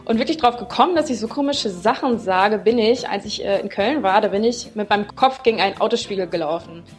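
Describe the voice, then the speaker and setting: A woman's voice: medium pitch, fast talker, soft background music. A young woman with a Brandenburg accent, chatting casually and explaining things in a matter-of-fact way. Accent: Brandenburg German. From Brandenburg, Germany. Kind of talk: casual chat.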